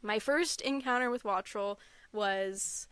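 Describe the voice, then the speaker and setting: This content creator, appearing as a podcast guest, keeps the interview chat casual, laughing a lot, gushing, and leaning on "like" and "um." She speaks slowly at a medium pitch, her tone a bit bright, clear, and resonant, with no echo.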